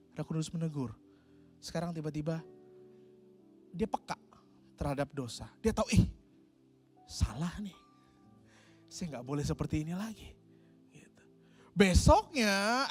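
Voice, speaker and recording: A man preaching a sermon in a lively, conversational way, often turning to his listeners directly and acting out the inner voices of a struggling believer. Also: high voice. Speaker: pastor.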